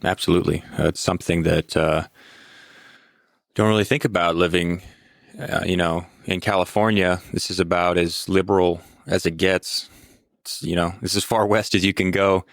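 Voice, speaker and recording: A man's voice: low voice, fairly even intonation, moderate pace, gravelly, no echo, clean studio sound. A man chatting casually as a podcast host, with informal, laid-back phrasing. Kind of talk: casual interview chat.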